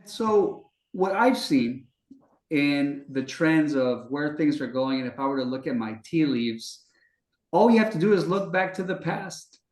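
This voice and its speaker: This man's voice is fairly high and a little mellow, animated but unhurried. He's a business development executive co-hosting a podcast, explaining things at length with fluent confidence in a conversational interview, in an echoey room.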